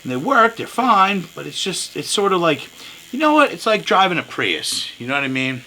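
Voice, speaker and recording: A man working as a tattoo artist, chatting casually in an animated, profane, joking way. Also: sits high, normal speed, low-quality recording. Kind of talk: casual comic chat. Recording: faint ambient background noise.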